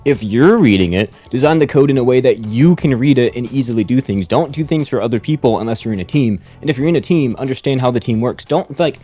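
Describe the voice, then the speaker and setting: A man, an indie game developer, chatting casually and rambling into animated rants about how his team builds games. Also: medium pitch, fast, hardly any pauses, soft background music.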